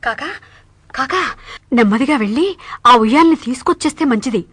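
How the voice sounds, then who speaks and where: A woman's voice: high voice, animated, brisk, a bit bright, breathy edge, no room sound, full character voice. An actress playing a sensible, caring female devotee giving practical advice. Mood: concerned. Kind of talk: devotional drama dialogue.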